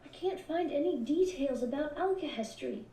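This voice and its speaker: A woman voicing a gentle, polite young boy in an anime dub. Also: sits high, animated, normal speed, noisy background. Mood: earnest, hesitant. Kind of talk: English anime dub acting. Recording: roomy, distant speaker playback.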